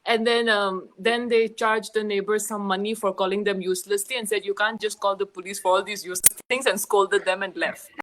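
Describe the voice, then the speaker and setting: Female guest, animated storyteller, casual interview over a call. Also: medium pitch, a little fast, few pauses, slight background noise, low-quality recording. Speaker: film team member, guest.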